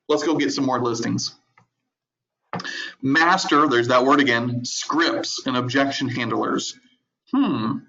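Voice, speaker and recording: A man coaching real estate agents in an online training, conversational and animated, often repeating words and laughing. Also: mid-range voice. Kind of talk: virtual training lecture. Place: home office at a desk. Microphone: video call. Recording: dull lo-fi audio.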